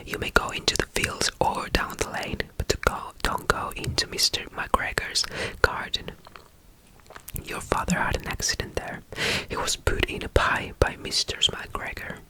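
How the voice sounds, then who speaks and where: Unhurried and soothing, an ASMR roleplayer whispers as a caretaker, repeating soft phrases and reading out a bedtime story. The audio quality is poor.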